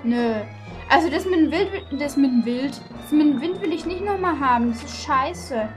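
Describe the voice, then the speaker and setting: A woman commentating a video game playthrough, excitable and quick to curse and shriek when frustrated. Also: high voice, music in the background. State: out of breath. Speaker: let's play gamer.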